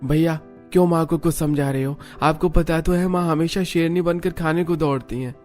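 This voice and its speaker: A man's voice: fairly high pitch, steady tone, normal speed, a little mellow, faint music behind, pitched above the performer's own voice, close to an everyday voice. A man voicing an earnest, protective young brother-in-law in a cartoon. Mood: indignant. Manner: earnest, indignant.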